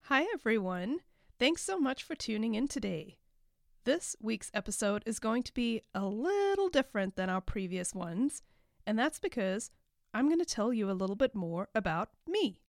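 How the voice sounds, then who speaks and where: A woman's voice: a little high, very animated, moderate pace, gravelly, dry recording, clean studio sound. A woman hosting a podcast in a casual, chatty monologue, sounding nasal and congested from a cold. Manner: informal, chatty, mild swearing. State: recovering from a cold. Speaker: podcast host and life coach.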